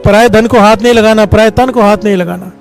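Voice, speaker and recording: High-voiced Sikh preacher. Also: male voice, steady tone, fast talker, soft background music. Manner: calls out responses from the congregation. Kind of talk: devotional sermon with storytelling.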